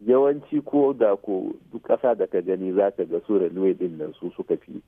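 A low, slightly rough voice moves a little fast as this Hausa-accented Nigerian man explains matters as a radio expert, sprinkling in English technical terms. He checks in with brief tag questions. The audio is muffled like a phone call, without room sound.

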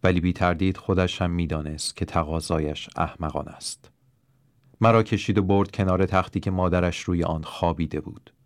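A man reading a first-person story aloud in a measured, steady narration. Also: deep voice, dry recording, clean studio sound. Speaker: audiobook narrator.

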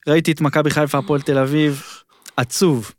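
A man's voice: a little high, little pitch movement, dry recording, clean studio sound. A man speaking earnestly and emphatically as a guest in a casual sports chat. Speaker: podcast guest.

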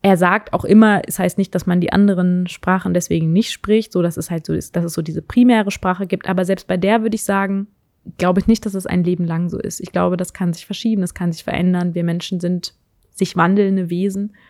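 This young woman's voice is on the low side and a little mellow, with fairly even intonation and a brisk pace. Recorded at studio quality with no echo, she muses on relationships in a casual monologue, hesitating often and restarting with many fillers.

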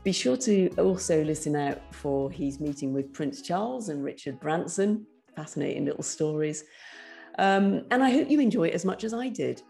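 A woman's voice: low-pitched, gravelly, mellow. A woman with a British accent hosting a podcast in a conversational style. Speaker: podcast host. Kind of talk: podcast introduction and interviewing.

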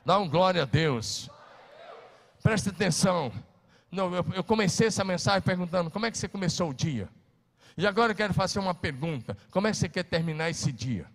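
Male pastor, emphatic sermon delivery, higher voice, long church-hall reverb. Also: lively intonation, fast. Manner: emphatic, swings between loud and hushed, calls on listeners to repeat.

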